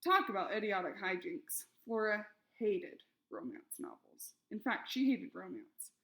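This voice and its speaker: A woman reading a children's novel aloud, expressive and lively in the characters' shouted lines. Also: medium pitch, a little slow, gravelly. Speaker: reader.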